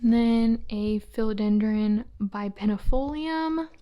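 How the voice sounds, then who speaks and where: Out of breath, a plant vlogger chats her way through the houseplants in her small old house, naming each on the move and occasionally whispering. Her voice is fairly high and slow, and the recording is muffled.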